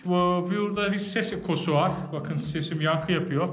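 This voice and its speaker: A man's voice: fairly high pitch, normal speed, faint music behind. A man guiding visitors through a rock-cut cave dwelling, explaining as he goes with many hesitation fillers, his voice echoing off the cave walls. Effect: cave echo, his voice echoing in rock chambers. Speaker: tour guide. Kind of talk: guided tour explanation. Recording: echoey cave from a distance.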